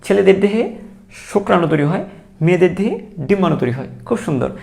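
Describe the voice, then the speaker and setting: A man's voice: high-pitched, animated, fairly quick, gravelly, a little mellow. A young man teaching a biology exam-prep lecture, repeating key terms and quizzing his students as he goes.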